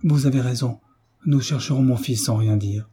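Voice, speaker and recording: A man's voice: mid-range voice, moderate pace, mellow, slightly rough. A man reading the part of a frightened young mother, speaking with anxious urgency.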